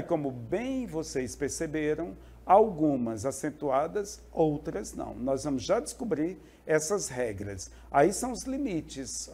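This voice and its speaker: Lively male teacher checking in often. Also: on the high side, gravelly, slightly rough. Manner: explanatory, checks in with "ok?" and "né?". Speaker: Spanish teacher. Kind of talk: classroom lesson.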